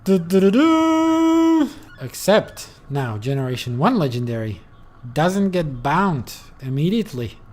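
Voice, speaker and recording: Streaming a game, a man gives laid-back commentary that meanders, loaded with filler words and a swear here and there. He speaks at a measured pace with a fairly high, sing-song voice that has a darkish tone.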